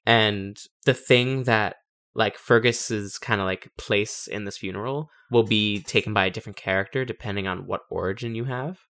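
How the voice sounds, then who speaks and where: Fairly low-voiced man in casual commentary. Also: moderate pace, fairly bright tone. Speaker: co-host of a game playthrough discussion.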